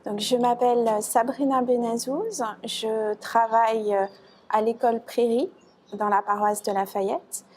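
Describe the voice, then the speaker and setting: A woman with a somewhat high voice introduces herself for an interview. She speaks as a primary school teacher. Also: fairly even intonation, moderate pace, a little mellow, a little hiss or hum. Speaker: second grade teacher.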